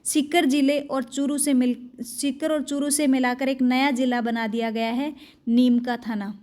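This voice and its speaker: A young woman teacher working quickly through exam questions, asking each question and then giving the answer. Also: sits high, steady tone, darkish tone. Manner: fast, brisk question-and-answer delivery. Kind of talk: exam-prep quiz lesson.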